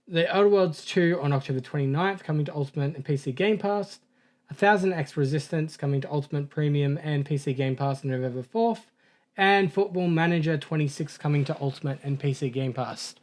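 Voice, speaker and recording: A man co-hosting a gaming podcast in casual chat, upbeat and joking, briskly reading through lists of game updates. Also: fairly high pitch, a little mellow. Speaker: podcast co-host reading news.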